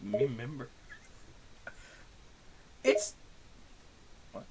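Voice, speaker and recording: A young man streaming live, talking in an excitable, pushy way and laughing. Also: mid-range voice, very slow, a little hiss or hum.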